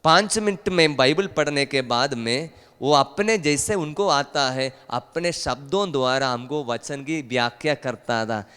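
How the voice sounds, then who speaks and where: A male priest with a clean, mid-range voice and measured pace delivers a rousing sermon in a large retreat hall, and a long reverb tail follows his words. Preaching at a family retreat, he calls on the crowd to shout hallelujah and builds to loud, emphatic peaks.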